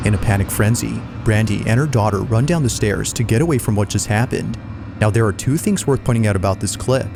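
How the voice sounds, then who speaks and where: A low, gravelly male narrator reads a scripted account in a measured, ominous way. Music plays behind his voice.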